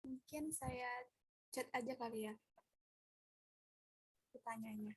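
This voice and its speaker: A young woman with a slightly high, breathy voice comes through very faintly, as if she holds her phone well away from her mouth on a video call. She speaks in quick, unsure bursts, checking whether anyone can hear her. The sound is dry, with no room around it. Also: dry recording. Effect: very faint voice, as if the phone is held far from the mouth. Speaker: student asking a question. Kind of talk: online class discussion.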